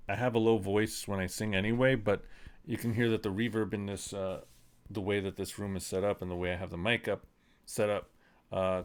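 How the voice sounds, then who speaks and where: In his home studio, a middle-aged musician shows how he mixes vocals in a casual screen-recorded tutorial. His fairly low voice is clear and resonant. He rambles loosely with many ums and uhs, often poking fun at himself.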